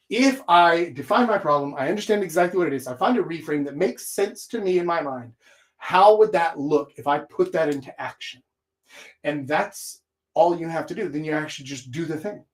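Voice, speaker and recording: A man hosting an informal live coaching talk, speaking emphatically and often checking in with a quick question tag. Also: high-pitched. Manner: emphatic, checks in with "right?", casual swearing. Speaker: host, dating and life coach.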